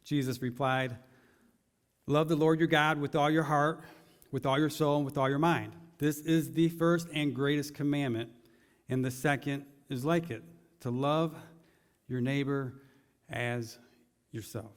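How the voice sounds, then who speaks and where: A man's voice: a little high, fairly even intonation, a little slow, pauses often. Casual preaching man in a reverberant hall. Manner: casual, asks the congregation many questions. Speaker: pastor. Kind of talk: conversational sermon. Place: large church hall.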